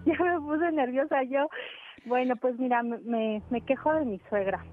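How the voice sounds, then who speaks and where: A woman's voice: high-pitched, moderate pace. A woman calling in to a radio show over a phone line, talking casually and hesitantly, often restarting and repeating words. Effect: heard over a phone line. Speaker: radio call-in caller. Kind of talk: casual call-in chat. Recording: tinny phone line with faint music.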